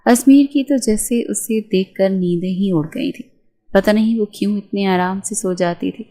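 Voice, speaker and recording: A woman narrating a romance novel aloud at a steady, measured pace. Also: mid-range voice. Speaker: audiobook narrator.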